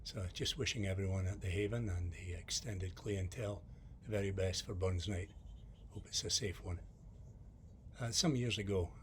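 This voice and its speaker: Low-voiced man, relaxed and wry, casual greeting. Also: slight background noise. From Scotland. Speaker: author sending greetings.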